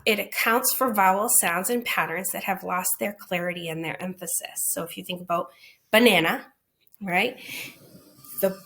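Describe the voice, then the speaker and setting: A woman's voice: medium pitch, a bit bright. Woman teaching a phonics lesson. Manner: explains patiently, often checking with "okay?" and "right?". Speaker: literacy teacher answering questions. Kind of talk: recorded online lesson.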